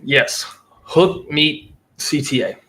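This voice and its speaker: A man talking casually as a guest on a podcast, lively and acting out what customers would say. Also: on the high side, takes it slowly. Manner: animated, acts out quoted customers. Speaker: marketing agency guest.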